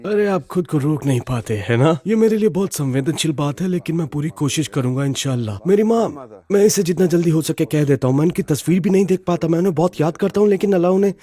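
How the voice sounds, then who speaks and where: A man's voice: fairly high pitch, animated, quick pace, mellow. A middle-aged man giving an earnest, heartfelt personal testimony as an interview guest, often checking in with the listener.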